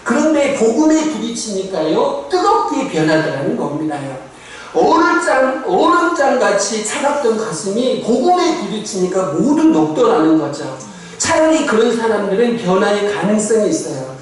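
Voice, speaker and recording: A man's voice: sits high, big pitch swings, normal speed. A man preaching a Sunday sermon as pastor, talking conversationally with rhetorical questions and asides to the congregation. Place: church sanctuary. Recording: echoey, distant church recording.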